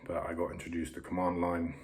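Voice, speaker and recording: A man in his thirties talking casually to a vlog in a very quiet voice, keeping it down as if not to be overheard. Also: deep voice, level tone, fast. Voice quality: very quiet, hushed voice. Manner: self-conscious, keeping voice down so others nearby don't hear. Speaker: vlogger documenting learning to code. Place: upstairs bedroom in a holiday home.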